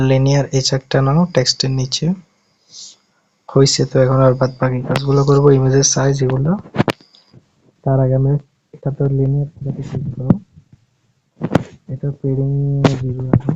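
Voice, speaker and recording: A man from Bangladesh walks through an app-building tutorial in casual, step-by-step instructions and corrects himself along the way. His delivery stays almost completely flat in pitch. The sound is dull and lo-fi, with faint background hiss. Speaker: tutorial host.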